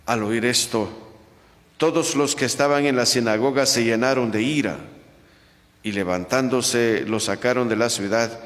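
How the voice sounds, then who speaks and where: A man, a priest, proclaiming the Gospel at Mass in a slow, measured way, his voice ringing through a large church's cathedral echo. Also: mid-range voice, fairly bright tone. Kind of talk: liturgical Gospel reading at Mass. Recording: long church reverb.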